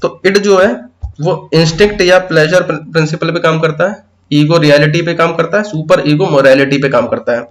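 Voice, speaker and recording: A man's voice: fairly high pitch, normal speed. Man explaining exam-prep pedagogy. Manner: explains step by step, keeps checking with "theek hai". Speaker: teacher.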